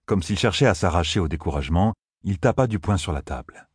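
A man narrating a fantasy audiobook in a steady, even storytelling manner. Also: low voice, fairly quick, husky, dry recording, studio quality. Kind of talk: scripted narration.

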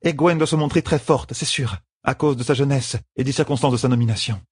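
A man voicing a poised, teasing young queen in an audiobook, with a husky tone and composed delivery. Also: medium pitch, a little fast, darkish tone, no echo, studio quality, pitched above the performer's own voice, natural voice. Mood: earnest. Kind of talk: audiobook character voice.

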